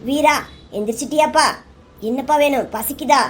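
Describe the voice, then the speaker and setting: A woman's voice: high-pitched, normal speed, lightly acted. A woman voicing a worried middle-aged mother in a cartoon serial, speaking in a soothing, tearful way. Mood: tender.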